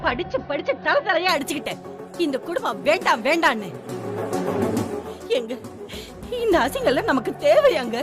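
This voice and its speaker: An indignant middle-aged mother in a TV serial, scolding and lamenting. Her voice is high and swoops widely, over prominent music. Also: very animated, moderate pace, long pauses. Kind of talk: TV serial acting. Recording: with loud background music.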